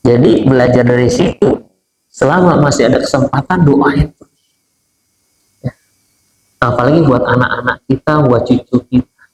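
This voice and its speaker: A middle-aged man giving a casual conversational sermon, mixing relaxed chatty asides with chanted Arabic verses. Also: mid-range voice, moderate pace, pauses often. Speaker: preacher. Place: neighborhood prayer room. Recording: echoey prayer room with faint ambient noise.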